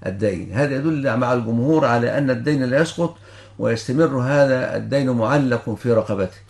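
A man's voice: medium pitch, fast, a little mellow. An older Egyptian man speaking as a religious scholar, giving a ruling in formal Standard Arabic with quoted citations. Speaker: Islamic law scholar answering questions.

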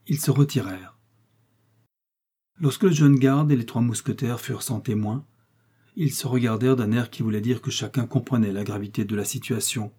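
A man reading a classic novel aloud as an audiobook narrator in a steady, even delivery. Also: medium pitch, husky.

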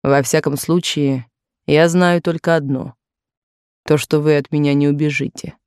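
A woman's voice: low-pitched, fairly even intonation, normal speed, warm tone, no room sound, clean studio sound. A woman doing an insistent, possessive male suitor.

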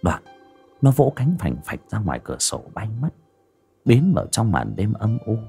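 A man narrating a scripted horror story with a dramatic, breathy delivery. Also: lowish voice, wildly swooping pitch, normal speed, warm tone. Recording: faint background music.

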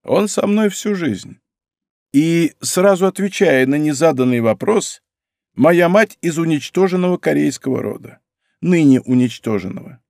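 A man voicing a grumpy, sharp-tongued old noblewoman in an audiobook, grumbling and prickly. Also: fairly high pitch, animated, normal speed, vocal fry, dry recording, clean studio sound, pitched above the performer's own voice. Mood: snappish. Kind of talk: audiobook character reading.

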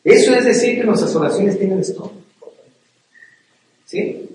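A man's voice: high-pitched, unhurried, a little mellow. A middle-aged man with a Mexican accent preaching a sermon to men, earnest and repeating himself for emphasis, often checking in with "¿sí?". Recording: very echoey hall, speaker far from the mic.

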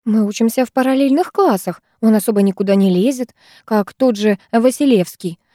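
A woman's voice: on the high side, normal speed, warm tone, no echo, natural voice. A woman voicing a chatty, gossipy teenage girl in an audiobook, raised a little above her narrating voice, in a dry, close recording. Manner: chatty, gushing.

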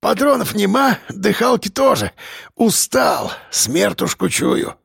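A man voicing a gruff old village grandfather, a former hunter, with a wheezy, gravelly voice and folksy speech, in an audiobook. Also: high voice, sing-song, slow, a bit bright, no echo, studio quality, voice pushed up, heavily acted. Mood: wheezing, weary. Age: older. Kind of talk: audiobook character voice.

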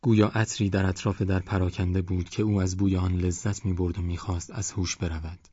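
A man narrating a novel as an audiobook in a steady, measured reading, in a dull, dry recording. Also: low voice, dry recording. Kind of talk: scripted narration.

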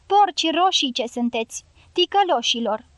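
A woman's voice: high-pitched, animated, no room sound, pitched above the performer's own voice. A woman doing a jeering enemy soldier. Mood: taunting. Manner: shouted, drawn-out insults. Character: taunting enemy soldier shouting from cover.

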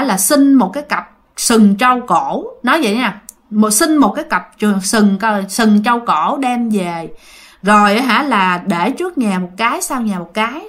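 A woman's voice: a little high, fairly bright tone. A woman with a Southern Vietnamese accent telling a ghost story in a chatty way, talking straight to her listeners. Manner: chatty, addresses listeners directly.

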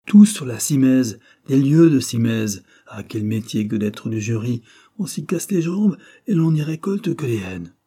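A man voicing a triumphant young male painter who talks in an animated, exclaiming way. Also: medium pitch, normal speed, slightly rough.

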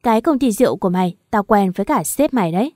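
A woman voicing a coarse, threatening male debt collector in a storybook audio tale, speaking bluntly and roughly. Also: mid-range voice, animated, racing, mellow, no room sound, clean studio sound, natural voice.

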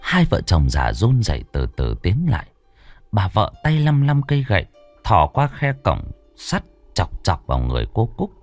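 A male narrator telling a spooky tale with a somewhat low voice that swings widely in pitch. The sound is dry and close, with faint background music running under the narration. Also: wildly swooping pitch, moderate pace, no echo. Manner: suspenseful, vivid storytelling cadence. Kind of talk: dramatic ghost-story narration.

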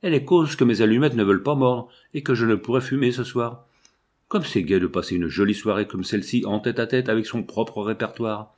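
A man reading a storybook and voicing a cocky teenage boy with a raspy voice, breezy and mock-ceremonious. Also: mid-range voice, darkish tone, close to an everyday voice. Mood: mock-grand.

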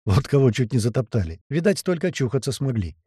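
A man reading a first-person audiobook with tense, lively storytelling. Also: medium pitch, fast, slightly rough, dry recording, clean studio sound. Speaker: audiobook narrator.

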